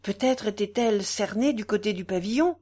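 A woman's voice: medium pitch, brisk, darkish tone, slightly rough, lightly acted. A woman reading an anxious gamekeeper, urgent. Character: grown male estate gamekeeper, alert and anxious.

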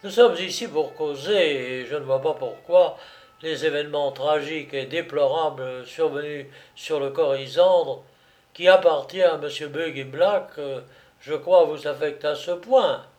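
A man reading aloud and voicing a jovial, smooth-talking gentleman thief with mocking politeness. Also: a little high, measured pace, faint music behind, natural voice.

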